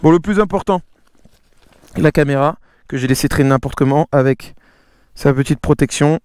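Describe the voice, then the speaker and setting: A man's voice: a little high, normal speed, a little mellow, clean tone, no echo, studio quality. Casual sweary man showing off gear. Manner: slangy, sweary, hesitant. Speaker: vlogger presenting a camera. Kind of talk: casual hands-on product presentation.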